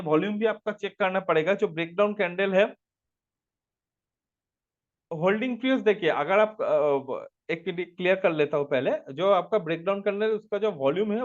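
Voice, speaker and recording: A high-voiced man, a stock market trainer, leads a live online trading class over lo-fi sound. He explains step by step, reads chart figures aloud, and asks the audience to answer.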